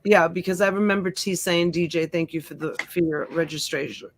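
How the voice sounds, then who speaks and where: Briskly and in a lowish voice, a middle-aged Italian-native woman hosts a live-stream auction, chatting with viewers by name amid plenty of fillers. Her USB desk mic picks up a little hiss or hum.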